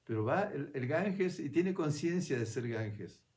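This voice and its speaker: A man giving a reflective spiritual talk in a conversational, unhurried way. He keeps checking in with his listener and restarts his phrases as he thinks aloud. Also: fairly high pitch, lively intonation, darkish tone. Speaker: spiritual speaker.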